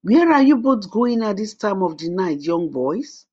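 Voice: big pitch swings, unhurried, darkish tone, husky, highs cut off. Cackling old forest witch, as a narrator puts her on. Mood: coaxing. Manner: cackling, menacing, raised high voice.

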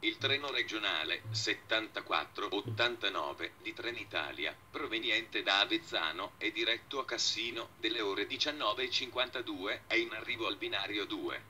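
A man reading a flat, formal railway station announcement in clipped, formulaic segments. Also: on the low side, normal speed, hardly any pauses, slight background noise.

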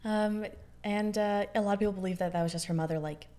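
A young woman co-hosting a podcast, chatting casually about history with frequent laughs and quick asides. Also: medium pitch, fairly even intonation, warm tone. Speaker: podcast co-host.

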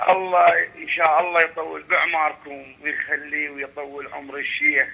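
A man's voice: on the high side, completely flat delivery, fairly quick, creaky, bright, forceful tone. Man from Iran on an unclear phone line. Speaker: phone-in caller.

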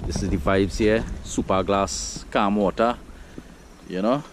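A man's voice: on the low side, unhurried, background noise. A Trinidadian man with an easygoing, chatty manner, vlogging outdoors from a kayak on open water. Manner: easygoing, chatty, loose Caribbean patois. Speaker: fishing vlogger. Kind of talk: casual outdoor vlog.

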